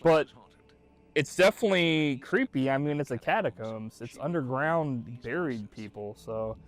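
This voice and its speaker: A man's voice: mid-range voice, expressive, normal speed. A man hosting a casual, jokey reaction commentary on an old show, swearing now and then and acting out mock quotes. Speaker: host reviewing an old TV show.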